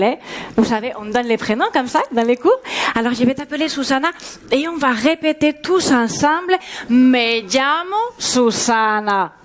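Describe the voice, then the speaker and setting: A woman's voice: high-pitched, slight background noise. A young woman comedian on stage, voicing a bubbly Spanish woman who teaches a language class in French with a Spanish accent, playful and teasing the audience. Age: young adult. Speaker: stand-up comedian. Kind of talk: stand-up character act. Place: theatre stage before a live audience.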